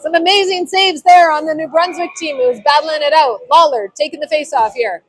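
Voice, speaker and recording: High-voiced woman calling hockey play-by-play. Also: a little fast, slight background noise. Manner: short clipped play-by-play phrases. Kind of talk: live sports commentary.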